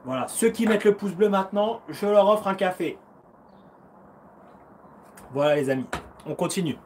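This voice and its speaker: A man's voice: sits high, lively intonation, normal speed, darkish tone, a little hiss or hum. Upbeat man in his thirties, slangy coach. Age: 30s. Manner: upbeat, encouraging, acts out punches and footwork with sounds; slang-laden and chatty. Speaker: karate fighter and coach hosting a live Q&A. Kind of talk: casual live-stream Q&A. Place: at home.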